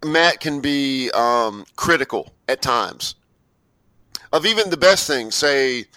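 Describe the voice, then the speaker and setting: Male podcast co-host, crisp forceful tone, sardonic banter, dead-dry recording. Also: mid-range voice, lively intonation, slow, no room sound, rough recording. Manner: joking, sardonic, stammers. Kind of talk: casual music podcast chat.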